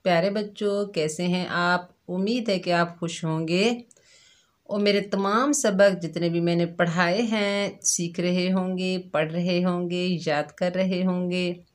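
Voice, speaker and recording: Woman, children's teacher, very slow pace, gentle, patient, repeats letters. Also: lowish voice, steady tone.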